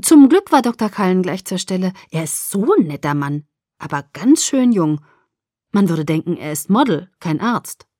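A woman voicing a doting, chatty middle-aged mother who gushes excitedly in a higher, livelier voice. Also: no echo, studio quality. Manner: gushing, rapid, excited chatter.

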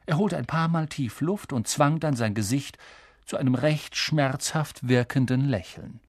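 A man's voice: mid-range voice, measured pace, dry recording, clean studio sound. A man narrating a story in a vivid, theatrical audiobook reading.

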